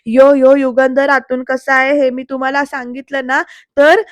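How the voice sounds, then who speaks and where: Brief: woman voicing a scheming middle-aged uncle, loud and bitter, flat high delivery. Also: normal speed, dry recording, close to an everyday voice. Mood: angry shouting. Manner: shouting, threatening.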